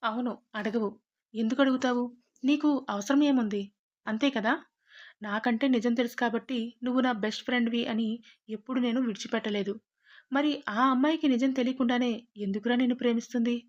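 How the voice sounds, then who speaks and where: Woman playing a loyal young man, shouting, scolding, raised pitch, muffled audio. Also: steady tone, a little fast, close to an everyday voice. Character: angry young man, protective loyal friend.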